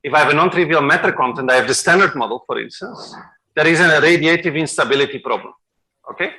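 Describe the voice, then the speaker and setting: A man's voice: a little high, fast talker, sharp tone, poor audio. A man speaker answering audience questions at an academic workshop, thinking aloud and checking in with "okay?".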